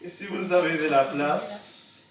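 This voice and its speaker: Man, slam poet, non-native accent, playful, high voice, slow, echoey hall, distant mic. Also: a little hiss or hum. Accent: non-native French. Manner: playful, teasing the audience. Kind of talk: slam poetry performance. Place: performance venue with audience.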